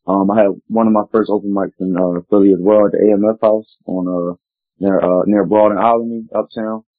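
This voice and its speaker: A man's voice: on the low side, fairly even intonation, brisk, dry recording. A man telling his personal story as an interview guest, in an earnest, meandering, reflective way. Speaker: guest, spoken word poet. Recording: tinny phone-like line, dry.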